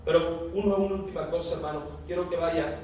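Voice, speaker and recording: High-voiced preacher in an echoey church. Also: male voice, steady tone, fairly quick, darkish tone. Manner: calls out questions and the congregation answers back; reads scripture aloud, raising his voice for dialogue. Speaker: pastor. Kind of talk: evening church sermon. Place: church sanctuary. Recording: very echoey hall, from a distance, faint hiss.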